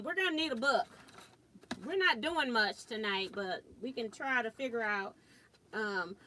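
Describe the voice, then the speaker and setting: A woman hosts a live quilting and sewing stream, chatting casually and thinking aloud as she demonstrates her work. Her voice is loud and a little high, and she chuckles often. A built-in laptop mic about four feet away records her in a home sewing room.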